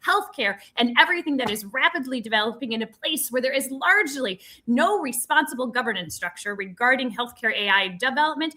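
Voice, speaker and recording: Woman host, bright and fairly high, upbeat livestream opener. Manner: upbeat, welcoming. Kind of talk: livestream introduction.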